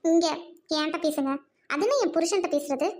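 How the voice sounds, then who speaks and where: A woman's voice: very high-pitched, a little fast, darkish tone. A woman playing a defiant young married woman who fiercely accuses her uncle in an amateur drama skit.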